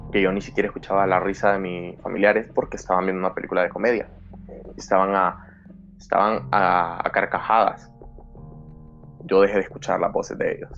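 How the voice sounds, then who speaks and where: A man's voice: low-pitched, vocal fry, muffled recording. A male podcast host tells a personal scary story dramatically, acting out his frightened younger self. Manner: dramatic storyteller who acts out his own fearful past self.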